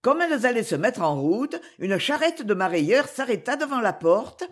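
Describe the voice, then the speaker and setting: A woman narrating a novel chapter as an audiobook reader, with measured, expressive storytelling. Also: a little high. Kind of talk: scripted narration.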